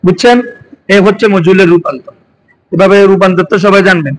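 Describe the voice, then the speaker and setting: A man teaches a classroom lesson in a Bangladeshi Bengali accent, speaking fast in a high voice over a low-quality recording. He quizzes the students with frequent questions as he explains.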